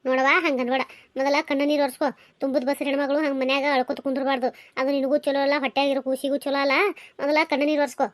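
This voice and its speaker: Woman voicing a nagging village mother in a cartoon, high-pitched, quick, dry close sound. Coaxing and scolding, repeats herself. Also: flat delivery, no room sound, close to an everyday voice. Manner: coaxing, nagging, talks over and over. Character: fussing village mother, older, caring and scolding. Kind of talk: cartoon voice acting.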